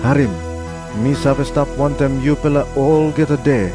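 A calm, commanding holy teacher played by a man speaks in a medium-pitched voice with a Papua New Guinean accent. The lines are Papua New Guinea pidgin, from a scripture drama, over clear music. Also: moderate pace, natural voice. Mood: solemn, commanding. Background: music behind the voice.

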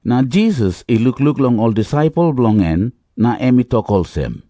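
A man's voice: medium pitch, sing-song, normal speed, dark tone, no echo, studio quality. A man with a Papua New Guinean accent narrates scripture as a scripted reading. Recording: music behind the voice. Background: background music.

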